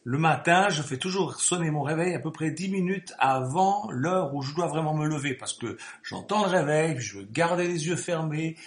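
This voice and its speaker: A man delivers a sermon in a talky, rambling way, repeating his points and then swelling into emphatic bursts. His voice sits a bit high for a man. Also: moderate pace, few pauses. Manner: conversational, repetitive asides, rising emphatic bursts. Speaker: preacher.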